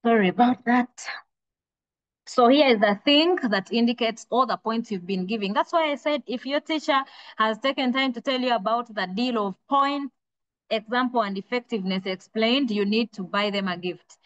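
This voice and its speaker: Teaching a literature revision lesson, a woman speaks in an earnest, steady way, often repeating a word while she thinks and drawing key words out slowly. Her voice is fairly high, and the recording is dull and lo-fi.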